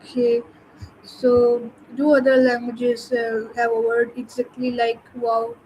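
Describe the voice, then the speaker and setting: A woman asking questions in a casual chat, hesitant and halting, with many pauses. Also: fairly high pitch, warm tone, slight background noise, poor audio.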